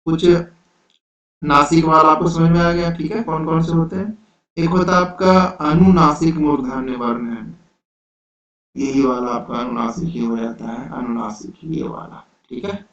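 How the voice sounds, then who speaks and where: A man teaching an exam-prep lecture, explaining slowly and patiently, checking in with his students again and again. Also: a little high, a bit bright. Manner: slow, repetitive explaining with frequent "theek hai". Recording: roomy, dull lo-fi sound.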